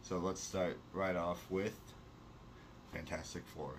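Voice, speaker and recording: Deep-voiced young man vlogging. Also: little pitch movement, slow, slight background noise. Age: young adult. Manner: chatty, enthusiastic, many fillers. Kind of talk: casual sit-down news chat. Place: small bedroom, indoors. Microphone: camera close to face.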